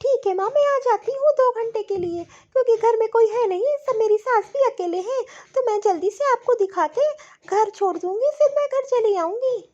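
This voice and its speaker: A woman's voice: extremely high pitch, expressive, normal speed, few pauses, darkish tone. A woman voicing an earnest, dutiful young daughter-in-law in a cartoon story. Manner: earnest, eager to please. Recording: dull lo-fi audio.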